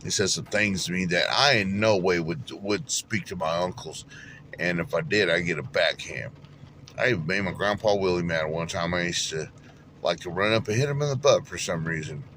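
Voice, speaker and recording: A man's voice: low-pitched, noisy background. A man, telling folksy stories and preaching in a casual devotional talk. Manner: folksy storytelling, laughs at himself, preachy asides.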